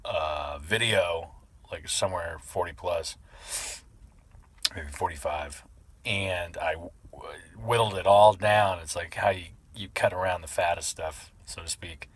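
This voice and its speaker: A man's voice: sits low, measured pace. A man talking casually in a rambling vlog style, sneezing between remarks. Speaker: video creator.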